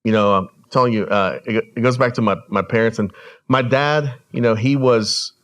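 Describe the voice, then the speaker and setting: A man born in El Salvador, a podcast guest telling his family's story in an earnest, measured way. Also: medium pitch, a bit bright, muffled recording. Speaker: guest, regional director. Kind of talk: storytelling interview.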